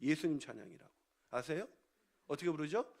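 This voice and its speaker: A male pastor preaching a sermon, telling a comic story with loud exclamations and hushed whispers. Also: a little high, big pitch swings, fairly quick, vocal fry.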